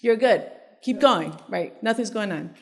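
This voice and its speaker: A woman's voice: mid-range voice, expressive, a little slow, creaky. A woman from Ecuador sharing her own story in a live group discussion, candid and emphatic. She is heard in a conference hall with a long reverb. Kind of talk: personal testimony in a group discussion. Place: conference room at a live event.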